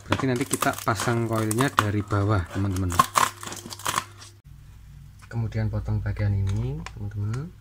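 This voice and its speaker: Heavy background noise surrounds this repair tutorial host as he works, speaking to viewers in short step-by-step phrases. His voice is fairly low, at a normal speed, and he pauses often.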